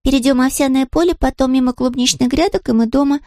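A woman reading aloud and voicing a tiny, fluffy yellow chick girl who is curious and chatty, with a squeaky voice and a stream of eager questions. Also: fairly even intonation, fast, no room sound, studio quality. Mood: friendly.

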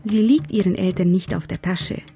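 A woman's voice: medium pitch, normal speed, gravelly, mellow, faint music behind, natural voice. An actress playing a wry young Hungarian woman who narrates her life in a radio drama in clipped inner monologue. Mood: wry, restrained. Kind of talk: scripted first-person radio drama narration.

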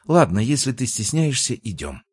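A man's voice: mid-range voice, very animated, normal speed, slightly rough, voice pushed up. A man voicing a playful, stubborn young woman. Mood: teasing. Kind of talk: audiobook character reading.

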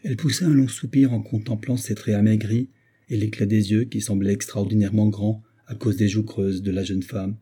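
A man narrating a classic novel as an audiobook in a measured, even way. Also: lowish voice, breathy edge.

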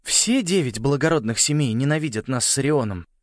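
A man's voice: mid-range voice, animated, fairly quick, dry recording, studio quality, pitched above the performer's own voice, close to an everyday voice. A man voicing a wary, hesitant teenage boy in a storybook. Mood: guarded. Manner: hesitant and curt.

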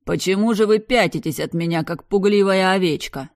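A woman's voice: medium pitch, no room sound, clean studio sound, pitched above the performer's own voice, lightly acted. Woman reading as a coldly menacing, mocking man. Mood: cold menace. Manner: calm, threatening, measured delivery.

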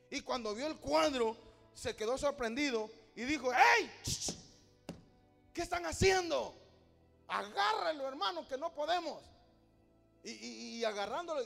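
Male preacher, very high voice, storytelling sermon that swells to shouting, long church reverb, faint music. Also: gravelly. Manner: storytelling, rising to loud exhortation.

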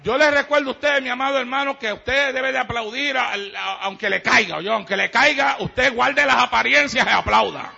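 A man pastor with a Puerto Rican accent, preaching in an emphatic, joking way with sudden shouts. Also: extremely high pitch, moderate pace, creaky, few pauses, slightly rough. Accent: Puerto Rican Spanish. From Puerto Rico. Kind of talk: sermon. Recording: dull lo-fi sermon recording.

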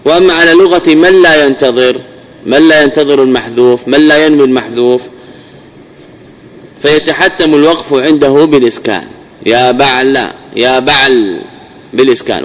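In a classical Arabic grammar lesson, a sheikh goes over phrases and examples repeatedly, asking questions and answering them himself. His fairly bright tone sinks low as phrases end, heard through poor audio.

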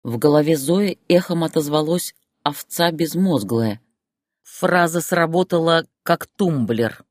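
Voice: mid-range voice, unhurried, no room sound. Dry-voiced story narrator. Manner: plain storytelling delivery.

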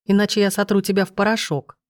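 A greedy grown brother, as a woman reader acts him out in a storybook, harsh and threatening as he demands his money. The voice stays close to the reader's own plain middle pitch, with no attempt to deepen it. It is recorded dry and close. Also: level tone, quick pace, dry recording, natural voice.

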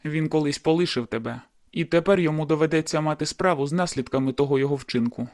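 A cocky young man in love, voiced by a woman narrator, speaking low, insistent and a little teasing. The voice sits well below her own and carries a different tone, as in a storybook reading. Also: fast talker, darkish tone, close to an everyday voice. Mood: earnest.

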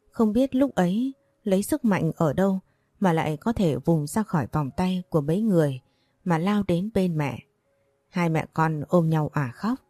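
A woman reading a first-person story aloud in a measured, emotive storytelling manner. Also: fairly low pitch, dark tone, no echo. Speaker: audiobook narrator.

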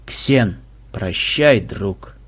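A man voicing a gruff male warrior who talks in a blunt, growling way. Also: fairly low pitch, expressive, very slow, voice pushed down, heavily acted. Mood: despairing.

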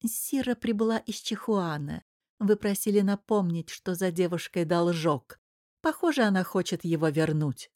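A woman reading an audiobook, voicing a secretive male court servant who speaks in a hushed, confidential way. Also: lowish voice, moderate pace, no room sound, clean studio sound, lightly acted.

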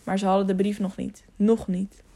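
Audiobook narrator, woman, gravelly mid-pitched voice, steady storytelling read. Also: normal speed. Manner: steady reading with occasional self-corrections. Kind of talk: scripted narration of a children's adventure novel.

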